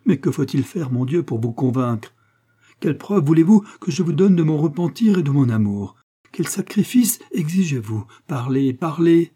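A man's voice: on the high side, animated, normal speed, warm tone, husky, pitched above the performer's own voice. A man reading aloud who voices a passionate young duke, pleading fervently with his beloved. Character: impassioned, impatient young duke, a repentant lover.

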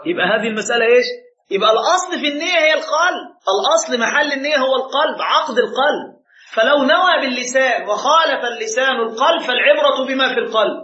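High, fast, bright-voiced male sheikh. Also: lively intonation. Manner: emphatic, with rhetorical questions and frequent laughs. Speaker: sheikh teaching Shafi'i jurisprudence. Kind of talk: classroom lecture with questions. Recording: echoey room, muffled lo-fi sound.

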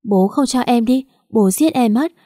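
In a storybook audio drama, a frightened young daughter answers in a timid, stammering voice, as a woman narrator reads her. The tone is soft and mellow, recorded dry and close. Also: a little high, a little slow, no echo, voice pushed up. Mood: worried.

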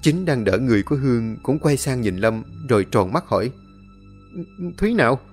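A male storyteller narrating a dramatic tale in an expressive, animated way. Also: mid-range voice, brisk. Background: faint music.

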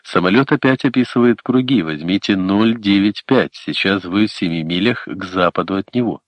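A man's voice: deep voice, moderate pace, no echo, natural voice. A man reading an unemotional air traffic controller. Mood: calm. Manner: flat, unemotional instructions. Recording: dull, dry lo-fi recording.

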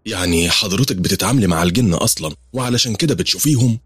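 A man's voice: deep voice, expressive, racing, breathy edge, no echo, faint music behind. A man with an Egyptian accent voicing a wary, skeptical young mother in her late twenties who questions a stranger.

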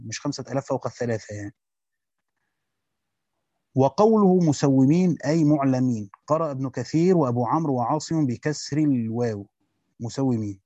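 A man's voice: medium pitch, warm tone, dry recording, dull audio. A man with an Egyptian accent reading a classical Quran commentary aloud, breaking off into colloquial explanations with hesitant fillers. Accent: Egyptian Arabic. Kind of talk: reading a classical text aloud with spoken asides.

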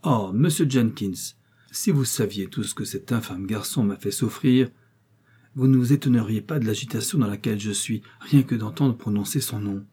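A man's voice: on the low side, normal speed, warm tone, slightly rough. A man voicing a scheming young orphaned heiress who complains melodramatically, reading an audiobook. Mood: indignant. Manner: plaintive, melodramatic.

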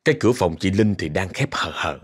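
A man's voice: low-pitched, expressive, a little fast, slightly rough. Southern man telling a story. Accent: Southern Vietnamese. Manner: chatty, addresses listeners directly. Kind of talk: casual oral storytelling.

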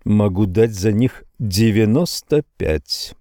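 A man's voice: on the low side, slow, warm tone, no room sound, studio quality. A male audiobook reader voicing a sluggish, evasive bond broker who mumbles his answers.

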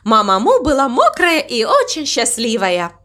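A woman narrating a children's storybook in an expressive, animated way. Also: on the high side, normal speed. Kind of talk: storybook reading.

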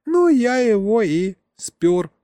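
A man's voice: sits high, sing-song, takes it slowly, dark tone, dry recording, voice pushed up, heavily acted. A man reading an audiobook, voicing a cheeky, broad-shouldered pilot with a mocking manner. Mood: teasing. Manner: mocking, chuckling.

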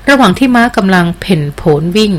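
A woman reads an adventure novel aloud in a steady, even storytelling delivery. Her voice sits at a middle pitch for a woman. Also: fast. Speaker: audiobook narrator. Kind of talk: scripted novel narration.

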